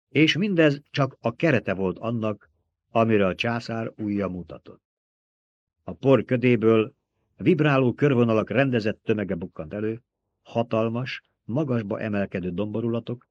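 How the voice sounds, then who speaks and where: Low-voiced man reading a novel aloud. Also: no echo, muffled recording. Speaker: audiobook narrator. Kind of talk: scripted narration.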